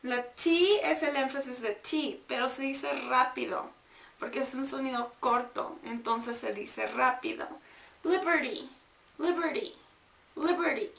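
High-voiced woman teaching, echoey room. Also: fairly even intonation, creaky, fairly bright tone, recorded from a distance. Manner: drills words slowly, repeating and sounding them out. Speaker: English teacher. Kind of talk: bilingual grammar lesson.

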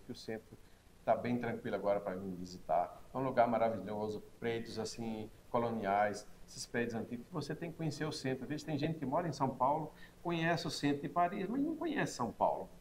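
Fast-talking middle-aged restaurant owner. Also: male voice, medium pitch, lively intonation, darkish tone, a little hiss or hum. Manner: friendly, promotional. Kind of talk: interview answers. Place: small restaurant bar, indoors.

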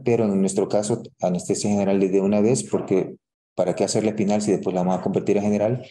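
Low, very dark Salvadoran man. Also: a little hiss or hum. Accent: Salvadoran Spanish. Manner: hesitant, many fillers and restarts. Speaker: physician presenting a clinical case. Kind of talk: didactic medical case presentation.

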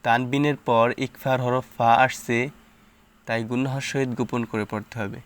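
A man teaching Quran reading, sounding out each syllable slowly and patiently, with short explanations between drills. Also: medium pitch, fairly even intonation. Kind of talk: slow syllable-by-syllable recitation lesson.

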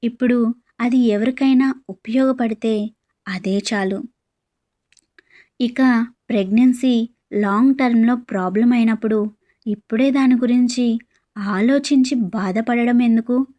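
A resolute young woman speaks with quiet steadiness in an audio story, voiced by a woman storyteller. Her mellow voice moves slowly and sits a little high. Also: lo-fi sound, close to an everyday voice. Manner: calm and steady. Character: resolute young woman bravely facing surgery.

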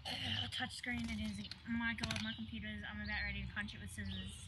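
A young woman gaming with friends and making dry, deadpan remarks. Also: medium pitch, a little fast. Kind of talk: casual gaming banter. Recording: loud noisy mic hiss.

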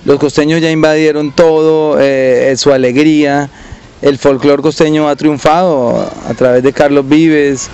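A man giving a halting vox pop comment, with fillers. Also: a little high, flat delivery, darkish tone, muffled recording.

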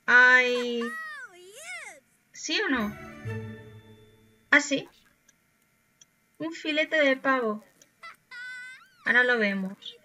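A woman's voice: sits high, very slow, pauses often, bright, forceful tone, soft background music. A woman from Spain casually commenting on her life-simulation game and chatting to her characters. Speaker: gaming YouTuber. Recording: dull lo-fi sound.

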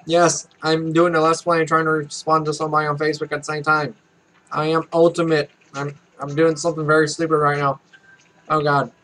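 Brisk and a little high-pitched, with little pitch movement and a fairly bright tone, a Let's Play streamer in his twenties reads game text aloud while making light, self-mocking jokes. The low-quality recording comes from a small room at home.

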